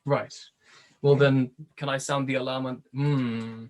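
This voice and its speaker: A man's voice: mid-range voice, flat delivery, measured pace. A man at a tabletop game, talking casually as a player. His voice sits mid-range for a man, and he asks plain practical questions about what to do next.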